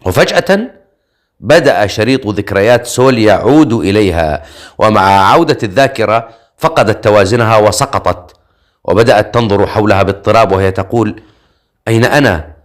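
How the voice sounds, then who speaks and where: A man reads a dark novel aloud in a low voice. His narration is measured and dramatic, unhurried and scripted. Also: lively intonation. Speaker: audiobook narrator.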